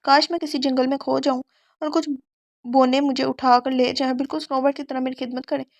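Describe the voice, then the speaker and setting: A childish young bride voiced by a woman narrator whines and daydreams aloud. The voice is high and steady. The sound is dry. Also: creaky, dry recording. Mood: sulky. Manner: whiny and dreamy.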